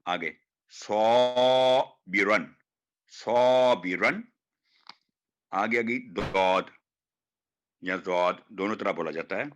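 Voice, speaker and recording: A man teaching Quran recitation, demonstrating hard words slowly and repeating each one. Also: sits low, fairly bright tone, dull audio. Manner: slow, drawn-out demonstration of each word, repeated. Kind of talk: online pronunciation class.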